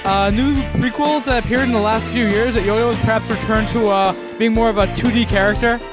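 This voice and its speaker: A man interviewing costumed fans at a convention, asking absurd questions in an earnest deadpan way into a handheld mic. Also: sits high, brisk, music in the background. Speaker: comedy interviewer. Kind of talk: mock-serious interview questions. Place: convention hall.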